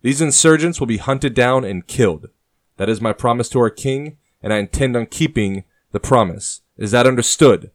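A man's voice: mid-range voice, normal speed, dry recording, studio quality, voice pushed up, lightly acted. A man voicing a fierce, smug middle-aged major general who barks orders at his soldiers. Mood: commanding. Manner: commanding, barking orders.

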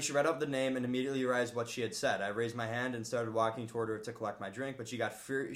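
A man on a casual podcast, reading a listener's post aloud in a steady, matter-of-fact way. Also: medium pitch.

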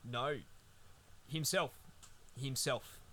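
A man with a bright, forceful voice co-hosts a casual film-review podcast. He rambles through the plot, swearing freely in a laid-back drawl. Faint noise hums underneath. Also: medium pitch, extremely slow. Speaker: podcast co-host.

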